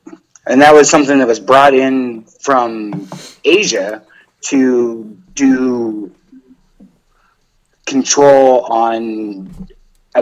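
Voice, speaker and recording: A man's voice: mid-range voice, rough recording. A young man chatting casually as a podcast guest, rambling with lots of "like". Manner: rambling, full of "like". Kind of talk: casual interview chat.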